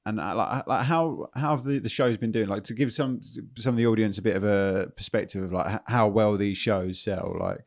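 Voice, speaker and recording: Man, slightly low voice, casual interviewer, halting, rambling questions. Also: steady tone. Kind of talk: casual chat.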